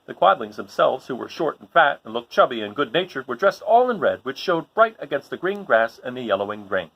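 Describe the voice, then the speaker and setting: A man reading a children's story aloud in an expressive style, as the host of a read-along. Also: mid-range voice, fairly quick, highs cut off.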